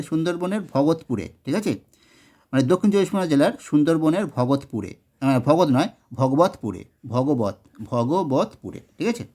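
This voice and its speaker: A man teaching, working through exam question answers step by step, often pausing, correcting himself and checking that students follow. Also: a little high, darkish tone. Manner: explains step by step, checks in with "ঠিক আছে?"; frequent hesitations and self-corrections. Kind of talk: exam solution walkthrough.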